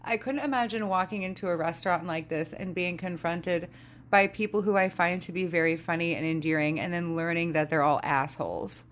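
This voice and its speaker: A woman's voice: lowish voice, brisk, a little hiss or hum. Sardonic woman telling a story. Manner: sardonic, animated, laughs often, swears freely. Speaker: podcast host. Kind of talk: casual storytelling monologue.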